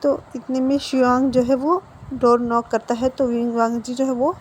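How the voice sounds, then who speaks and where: High-voiced woman retelling a story. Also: level tone, slight background noise. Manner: informal, halting. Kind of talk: casual fan-fiction retelling.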